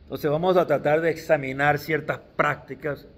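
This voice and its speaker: A man's voice: a little high, fairly even intonation, moderate pace. A middle-aged man preaching a sermon, stressing key words with restarts along the way.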